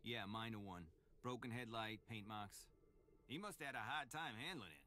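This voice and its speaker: A man's voice: medium pitch, normal speed, bright, forceful tone, slight background noise, natural voice. A man voicing a chatty, nervous male police officer with a Boston accent in a video game. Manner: rambling, eager to please.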